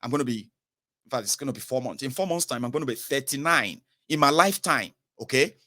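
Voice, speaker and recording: A man's voice: mid-range voice, animated, fast, bright, forceful tone. A Nigerian man in his thirties with a southern Nigerian accent, speaking straight to the viewer in an emphatic political commentary and slipping into pidgin phrases. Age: 30s. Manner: emphatic, questions the viewer directly, mixes in pidgin. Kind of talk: direct-to-camera commentary.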